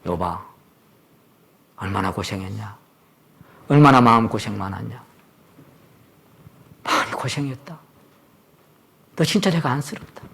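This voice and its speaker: A man preaching who voices God speaking to Job, first softly apologizing, then sternly questioning. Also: lowish voice, moderate pace, pauses often, a little hiss or hum, lightly acted. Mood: tender, apologetic. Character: God speaking to Job, elderly male deity.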